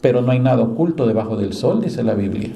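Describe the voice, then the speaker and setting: A man preaching a sermon to a small group, telling Bible stories and voicing the quoted speakers with lively emphasis. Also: fast talker, gravelly. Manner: animated storyteller, acts out quoted speakers in a higher voice. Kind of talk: sermon, Bible class storytelling. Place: church meeting room with a live group.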